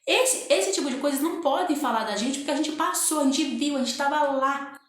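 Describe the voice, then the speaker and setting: A woman's voice: high-pitched, a little fast. A woman telling her birth story casually and emotionally to viewers, repeating phrases and often calling out to them. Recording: very echoey room.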